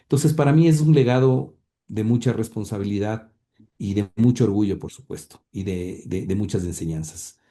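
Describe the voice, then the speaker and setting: A deep, dark-toned man speaks as an interview guest, a grandson and author, in a conversational interview where he reads quotes aloud. He comes across as earnest and heartfelt, though halting, with many fillers and repeated words.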